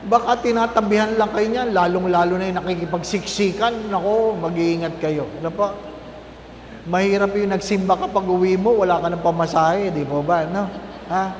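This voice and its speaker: A man's voice: sits high, normal speed, reverberant, big-room sound, a little hiss or hum. A man, a priest, gives a conversational Lenten talk to a congregation, often checking in with tag questions. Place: parish church.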